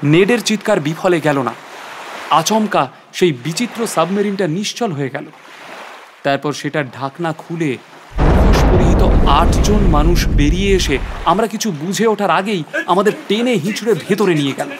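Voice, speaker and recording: An actor playing an earnest, weary professor who narrates his ordeal in a dramatic, halting way. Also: sits high, background noise, natural voice. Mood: tense, grave. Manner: dramatic, halting, with repeated words. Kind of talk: dramatised first-person story narration.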